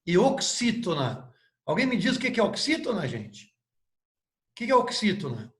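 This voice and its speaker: Guy teaching english, native portuguese speaker, high voice, spells stuff out letter by letter, echoey room. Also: huge pitch swings, normal speed. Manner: patient, spells words letter by letter and asks questions. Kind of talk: live online lesson.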